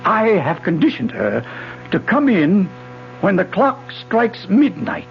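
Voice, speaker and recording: Playing an older retired physics professor, this actor lectures urgently and insistently in a 1970s radio drama, the audio muffled with music behind it. He sits high with huge pitch swings, speaking slowly in a gravelly, full character voice.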